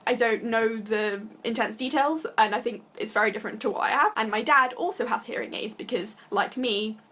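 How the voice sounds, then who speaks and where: A woman's voice: fairly high pitch, brisk, fairly bright tone. A young woman from Britain chatting casually to camera as a vlogger, giggly and full of fillers. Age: young adult. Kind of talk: casual vlog talk to camera.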